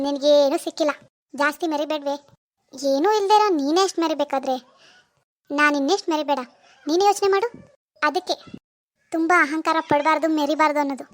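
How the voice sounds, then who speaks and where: Woman voicing a boastful rich young woman, taunting, preachy, very high voice, fast talk, cartoon. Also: no echo, studio quality, lightly acted. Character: boastful rich young woman gloating over her sister. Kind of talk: animated cartoon voice acting.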